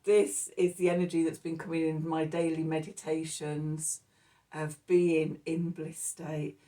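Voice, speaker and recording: Slow, low-voiced woman reading tarot. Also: flat delivery, dark tone, far from the mic. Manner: chatty and laughing often, with many ums. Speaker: tarot reader. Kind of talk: casual spoken tarot reading.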